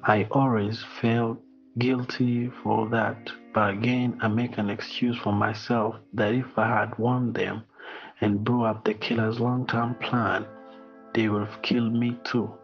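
A man's voice: mid-range voice, little pitch movement, soft background music. Solemn Rwandan man on a muffled call. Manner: slow, solemn, measured. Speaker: interview guest. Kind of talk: reading a personal apology. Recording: muffled video call audio.

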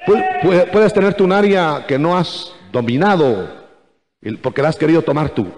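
A man preaching a sermon, emphatic and calling out to his listeners, often rising to shouts. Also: fairly high pitch, lively intonation, normal speed, a crowd in the background. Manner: repeatedly addresses listeners as brother. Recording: echoey church hall, 1980s recording.

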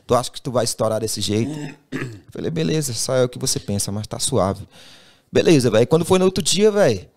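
Fast-talking man telling a story. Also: mid-range voice. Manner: animated, acts out quoted dialogue, says "velho" constantly. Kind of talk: casual storytelling.

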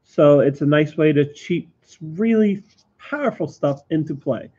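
A man with a mellow, dark tone, pitched a little high, reading out card names and prices plainly. His voice comes through dull, lo-fi stream audio. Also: animated, a little slow, husky. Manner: matter-of-fact, explains game strategy. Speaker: game store co-host.

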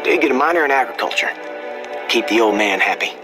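A man's voice: mid-range voice, lively intonation, fast, close to an everyday voice. A man playing an easygoing, weary survivor in his late twenties in a video game, mild, folksy and a little hesitant. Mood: wry, friendly. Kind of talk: naturalistic video game acting. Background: background music.

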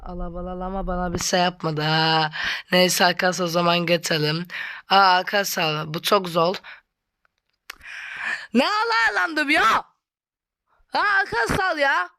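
A female gamer giving excitable let's-play commentary, talking straight to her viewers and breaking into loud frustrated outbursts. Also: mid-range voice, dry recording, studio quality. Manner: excitable, keeps addressing viewers as friends.

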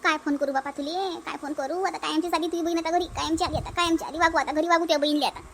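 A woman's voice: extremely high pitch, fairly even intonation, fast, vocal fry, background noise. A woman voicing a stubborn, scolding village mother in a cartoon dub, with a Varhadi Marathi accent. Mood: complaining. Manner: scolding, repetitive. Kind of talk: cartoon dubbing.

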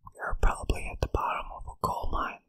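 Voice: a little fast, a bit bright, dry recording, natural voice. Gloomy whispering earthworm, as a reader voices him. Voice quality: breathy whisper. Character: gloomy, weary, grumbling male earthworm.

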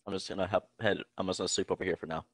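A man's voice: deep voice, fairly even intonation, racing, noisy background. A young man playing a game alongside his friend, chatting casually in a laid-back, teasing way. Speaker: co-player. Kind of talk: casual gameplay chat.

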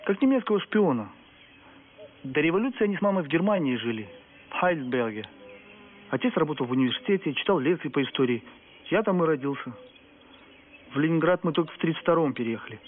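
An actor playing an earnest, reserved young soldier, speaking in a plain, restrained way. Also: male voice, fairly high pitch, expressive, quick pace, pauses often, close to an everyday voice. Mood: subdued, matter-of-fact. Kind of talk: film acting. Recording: phone-like film audio, faint outdoor noise.

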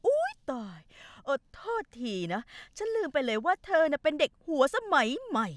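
A woman's voice: high-pitched, big pitch swings, normal speed, dry recording, studio quality. A woman voicing a stern middle-aged mother who scolds haughtily in a dubbed TV drama. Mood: scolding.

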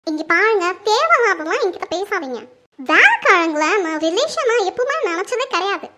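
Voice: extremely high pitch, sing-song, normal speed, heavy background noise. A performer voicing an arrogant young daughter-in-law who scolds and threatens in a family drama skit. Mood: defiant.

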